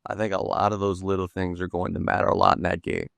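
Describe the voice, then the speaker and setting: Deep-voiced man breaking down football. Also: little pitch movement, creaky, a bit bright, no room sound. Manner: measured, analytical, asks himself questions. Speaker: guest sports analyst. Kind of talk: casual sports talk.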